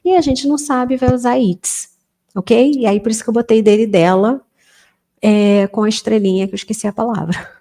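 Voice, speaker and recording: A Portuguese-speaking woman gives a relaxed, chatty English lesson for beginners and drags out each example sentence slowly and clearly. Her voice sits a little high, has a mellow, darker tone, and carries a steady gravelly fry. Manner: chatty, informal, slows down to model English sentences. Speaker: English teacher.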